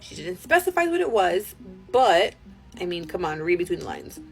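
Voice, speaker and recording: Woman telling spooky stories over music. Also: fairly low pitch. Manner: animated, conversational, drawn-out words for suspense. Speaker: host reading follower-submitted spooky stories. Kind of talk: casual spooky storytelling to camera. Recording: music behind the voice.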